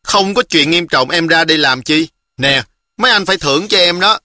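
A man voicing a touchy, excitable little village girl, shrill and pleading. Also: moderate pace, dry recording, studio quality. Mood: excited, sulky.

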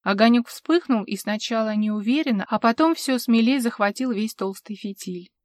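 A woman narrating a fantasy audiobook in an expressive, dramatic reading. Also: a little high, normal speed, no room sound, studio quality. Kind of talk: scripted narration.

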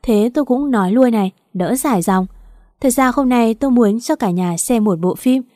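A stern elderly father-in-law who speaks in a measured, authoritative way, as a woman narrator reads him. The tone is mellow and low-key. The recording is dry, with no room sound. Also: dry recording, close to an everyday voice. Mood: firm.

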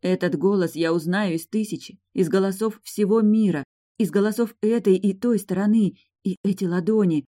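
A woman's voice: medium pitch, moderate pace, warm tone. A woman narrating a first-person fantasy novel with vivid, emotional storytelling. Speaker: audiobook narrator.

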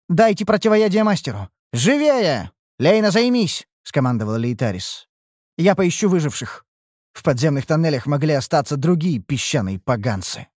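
A man's voice: no room sound, studio quality. A man reading a fantasy novel aloud as scripted narration, shifting his voice for the characters' lines. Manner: expressive, shifts pitch for dialogue. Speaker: audiobook narrator.

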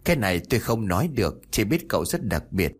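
A man's voice: lowish voice, big pitch swings, fast, husky. A man voicing the sorrowful ghost of a drowned old man in a spoken ghost story. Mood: solemn.

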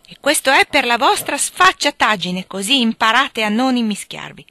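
A woman reading aloud, voicing a brutish, drunken young nobleman who shouts and bullies. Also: a little high, lively intonation, moderate pace, voice pushed up. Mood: shouting. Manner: loud, shouting, coarse.

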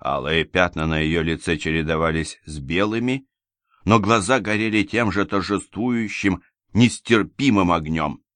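A man reading an audiobook in a measured, even storytelling manner. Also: low-pitched, dry recording, studio quality. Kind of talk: audiobook narration.

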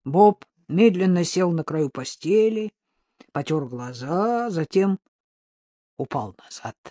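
A woman narrating a storybook in the first person as a playful dog, with an expressive reading. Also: on the low side, takes it slowly, no room sound, studio quality. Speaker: audiobook narrator.

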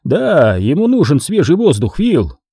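Man voicing a cold ironic gunman, slow, calm, husky. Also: on the high side, dry recording, clean studio sound, voice pushed up, exaggerated voice. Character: cold, ironic male mafia hunter.

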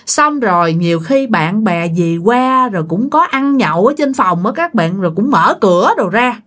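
A woman's voice: mid-range voice, animated, normal speed, a bit bright. A woman, casually telling a ghost story and talking directly to her listeners. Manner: chatty, addresses listeners directly.

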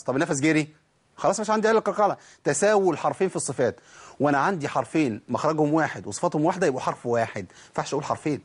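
رجل مصري يعطي درس تجويد بلهجة مصرية، يشرح خطوة بخطوة ويطرح الأسئلة ويجيب عليها بنفسه. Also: male voice, on the high side, husky. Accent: Egyptian Arabic. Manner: explains step by step, asks and answers his own questions; acts out students' objections. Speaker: Quran recitation teacher. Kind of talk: tajweed lesson.

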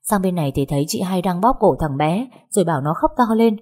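A woman reading a story voices a smooth, falsely friendly young man who schemes against his family. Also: on the low side, animated, fast talker, warm tone. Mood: insinuating.

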